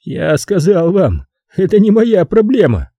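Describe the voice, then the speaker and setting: A sulky, tired, stubborn man complains in a raised, petulant voice, as a male narrator puts him on. The read is husky and dark, recorded close and dry. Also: high voice, big pitch swings, moderate pace, no echo, pitched above the performer's own voice, heavily acted. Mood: grumbling.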